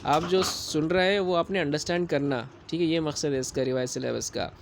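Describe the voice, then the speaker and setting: Male lecturer, slow deliberate reading, keeps checking the class understands. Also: fairly high pitch, creaky, slight background noise. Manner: slow deliberate English reading, quicker explanations; repeats "theek hai" to check understanding. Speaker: teacher. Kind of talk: lecture explaining syllabus.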